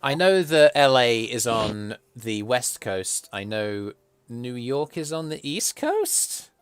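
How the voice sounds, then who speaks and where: A man's voice: medium pitch, sing-song, takes it slowly, clear, resonant tone, dry recording. A man with a posh, plummy southern English accent, hosting a casual livestream interview. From south of England. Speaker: stream host interviewing artists.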